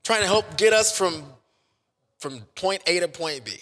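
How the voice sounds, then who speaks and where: An American man chatting casually as an interview guest, effusive and quick to poke fun at himself. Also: high-pitched, lively intonation, bright, forceful tone. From Kansas City, United States. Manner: self-deprecating, effusive. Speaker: interview guest, sports stadium host and hype man. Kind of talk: casual chat. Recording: long hall-like reverb on voice.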